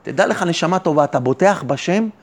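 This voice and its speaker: A rabbi giving a fervent sermon, who keeps asking the listener rhetorical questions and answering them himself. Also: male voice, on the high side, expressive. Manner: fervent, exhorting the listener directly. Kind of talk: sermon on faith and trust.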